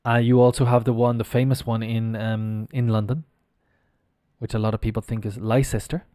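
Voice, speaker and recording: A man's voice: fairly low pitch, monotone, normal speed, mellow, no room sound, clean studio sound. A man teaching English pronunciation on a live stream, spelling words out letter by letter and chatting casually as he goes.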